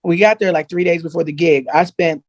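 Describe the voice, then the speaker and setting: On a video call, a male guest singer swaps stories in an animated, casual chat, often starting his sentences over. He speaks fairly quickly in a higher register, and the recording is dry with a dull sound.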